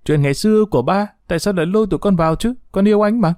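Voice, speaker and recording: A man's voice: a little high, expressive, moderate pace, mellow, no echo, studio quality, close to an everyday voice. A man reading an audio story, voicing a young woman who pleads and frets. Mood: tearful.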